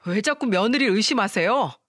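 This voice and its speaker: Woman doing a fed-up husband in a story radio drama, pitched a bit lower, firm and pleading, dry sound. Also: animated, a little fast, fairly bright tone, no room sound, close to an everyday voice. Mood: exasperated. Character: exasperated adult son and husband.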